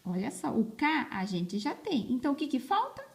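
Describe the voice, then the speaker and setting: This woman's voice sits high, swinging widely in pitch with a darkish tone, as she teaches children early literacy. She stretches words slowly and repeats each syllable with emphasis, recorded on a phone.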